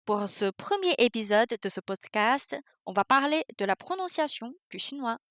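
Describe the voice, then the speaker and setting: Woman, high smooth voice, slow and careful, pronunciation teacher, dry close recording. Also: big pitch swings, fairly bright tone, dry recording. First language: Mandarin Chinese. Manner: slow, careful, demonstrates syllables aloud. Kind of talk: podcast pronunciation lesson.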